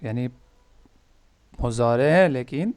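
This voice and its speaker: A man's voice: medium pitch, animated, a little mellow, smooth. A man tutoring Persian over a video call, patiently drilling verb forms word by word. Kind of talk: online one-on-one language lesson.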